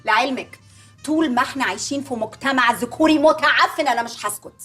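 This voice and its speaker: Indignant young wife and journalist, high voice, rapid delivery, mock-dramatic comic rant. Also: female voice, faint music behind. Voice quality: animated, ranting, mock-dramatic. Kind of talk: comic TV series acting.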